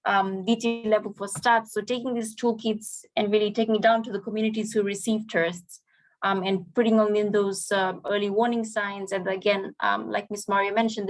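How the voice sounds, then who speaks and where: A woman moderates an online panel. Her pitch sits in a middle range and moves little. She speaks politely and with measured formality as she recaps and hands over. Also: rough recording. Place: online video call.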